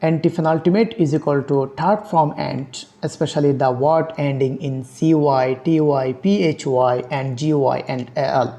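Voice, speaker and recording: A woman giving an exam-prep lecture on English grammar, reading English definitions slowly and spelling out letters. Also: low-pitched, mellow. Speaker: English teacher.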